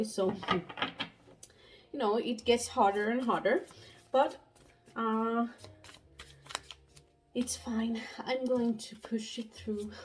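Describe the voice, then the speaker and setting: A young pregnant woman, out of breath, giving a tarot reading in a halting casual monologue full of fillers and restarts. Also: mid-range voice, noisy background. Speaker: tarot reader.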